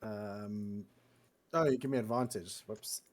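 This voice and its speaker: A man's voice: on the low side, fairly even intonation, slow pace. A man chatting casually as a player in a tabletop game, hesitant and giggly.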